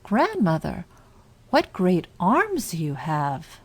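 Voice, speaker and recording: A woman's voice: fairly low pitch, wildly swooping pitch, drawn-out words, breathy edge, full character voice. A woman voicing an innocent, trusting little fairy-tale girl in an earnest, wide-eyed, singsong manner. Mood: wondering.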